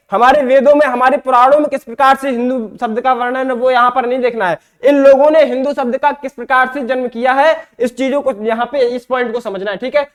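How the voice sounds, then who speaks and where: Man teaching with self-asked questions. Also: very high voice. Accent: Hindi from eastern Uttar Pradesh. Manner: repeats himself, asks and answers his own questions. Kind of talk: exam-prep lecture.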